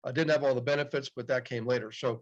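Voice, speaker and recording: Talking fast in a medium-pitched voice with fairly flat intonation, a podcast guest in his late fifties shares stories in an easygoing interview, often answering "yep." The audio comes across as muffled and dull.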